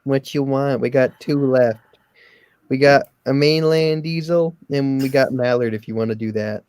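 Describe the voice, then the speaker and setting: A man's voice: mid-range voice, moderate pace, a little mellow, clear, resonant tone, dry recording. A man in a casual group chat, handing out roles in a direct, organizing way. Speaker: casting organizer.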